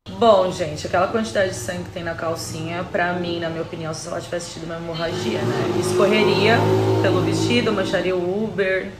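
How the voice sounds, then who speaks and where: A woman chatting casually to her viewers in a vlog, talking loosely with many fillers. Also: fairly low pitch. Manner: chatty, filler-heavy, addresses viewers as "gente". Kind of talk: casual direct-to-camera chat. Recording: echoey room with faint noise.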